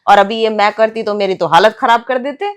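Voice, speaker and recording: A woman's voice: medium pitch, a little fast, lightly acted. Woman as an angry, sarcastic young wife. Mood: accusing. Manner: sharp, accusing, sarcastic. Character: angry young wife confronting her husband. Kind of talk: comic family skit acting.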